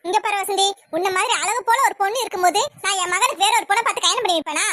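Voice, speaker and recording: A woman's voice: very high voice, very fast, background noise. A woman voicing a scheming, melodramatic village mother-in-law in a cartoon, with a southern Tamil village accent. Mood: sugary pleading. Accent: Tamil Nadu southern village. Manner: sweet-talking, melodramatic. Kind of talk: cartoon voice acting.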